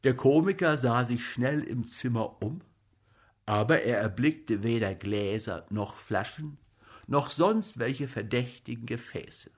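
A man narrating a story as an audiobook reader in a slow, lively way. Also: mid-range voice, slightly rough.

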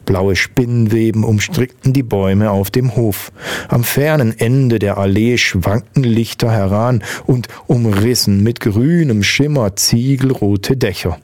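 A man narrating an audiobook in a measured, descriptive reading. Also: on the low side, a little mellow, no echo.

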